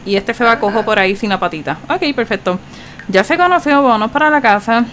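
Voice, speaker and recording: A woman giving casual, chatty commentary over her gameplay, reacting with animated exclamations. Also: fairly high pitch, fairly quick, slight background noise. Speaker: gaming channel host.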